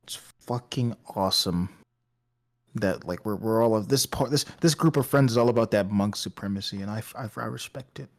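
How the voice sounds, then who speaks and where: A man with a lowish voice chats loosely at a tabletop game. He swears freely and jokes as he talks. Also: fairly quick. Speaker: player. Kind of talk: casual tabletop game chat.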